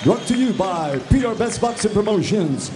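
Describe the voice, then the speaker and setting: A middle-aged man announces from the ring like a lucha libre announcer, switching languages with booming showmanship. His voice is pitched high and echoes through a noisy arena, with words stretched out and then rattled off. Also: animated. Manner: booming showman delivery with drawn-out words and rapid runs. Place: boxing ring in an indoor arena. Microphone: handheld microphone. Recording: echoey arena PA with crowd noise.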